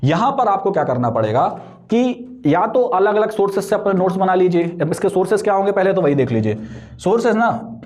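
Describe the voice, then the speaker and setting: With a high, sing-song, slightly mellow voice at a fairly quick pace, this young man offers relaxed exam preparation tips as a coaching vlogger. His Hindi is sprinkled with English terms, and he keeps checking in through tag questions.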